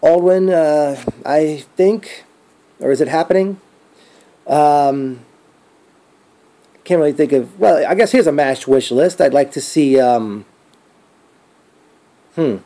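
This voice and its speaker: A man giving a casual spoken event recap as a fan, rambling and thinking aloud with trailing pauses. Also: fairly high pitch, warm tone.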